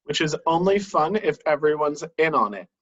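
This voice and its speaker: A man's voice: fairly high pitch, animated, normal speed, a bit bright. Playful man on a dull lo-fi mic. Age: 30s. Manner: playful, laughing asides. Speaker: podcast co-host. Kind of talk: casual chat.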